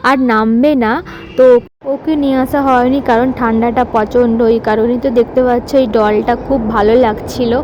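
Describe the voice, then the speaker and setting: A woman vlogger with a hoarse voice, talking softly and chatting straight to her viewers in a casual voice-over. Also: on the high side, highs cut off, slight background noise. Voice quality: soft-spoken. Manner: chatty, addresses viewers directly.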